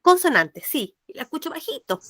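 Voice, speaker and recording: With a high, sing-song, slightly bright voice at a normal pace, a woman leads a language lesson, patiently asking questions to confirm her pupils understand. The sound is dry and close, with no room around it.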